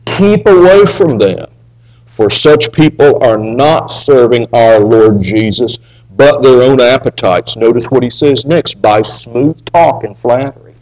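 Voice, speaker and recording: A man preaching a sermon, reading scripture aloud and swinging between raised emphasis and hushed asides. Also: mid-range voice, unhurried, low-quality recording.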